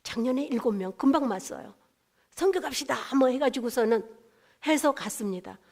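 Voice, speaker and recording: Fairly high-voiced woman pastor preaching. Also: lively intonation, normal speed, darkish tone. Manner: conversational, asks the congregation questions, mixes in English words. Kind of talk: testimony sermon.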